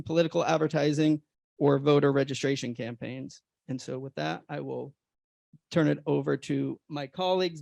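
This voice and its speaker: Guy presenting at a panel, kinda high voice, bit of fry, steady formal read, some restarts. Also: no room sound. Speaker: conference panelist. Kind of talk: reading a prepared presentation.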